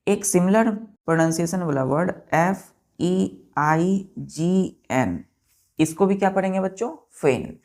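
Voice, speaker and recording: Woman teacher, talks real slow, spells stuff out letter by letter. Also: on the low side, animated, darkish tone. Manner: addresses students as children, spells words letter by letter. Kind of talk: classroom lesson.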